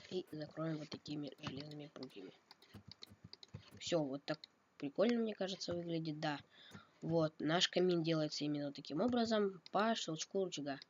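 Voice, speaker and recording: Keyboard and mouse clicks sit behind this game tutorial maker, captured on a noisy, dull lo-fi mic. Slightly ill, he talks casually at a moderate pace in a fairly high voice, coughing occasionally as he thinks out loud and corrects himself.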